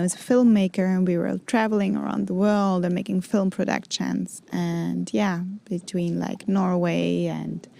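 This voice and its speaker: A woman in her forties who grew up in Greece and Germany, a freediving instructor and show host, chats casually in a personal vlog. Her medium-pitched voice is gravelly and dark, and she informally searches for words in her non-native English.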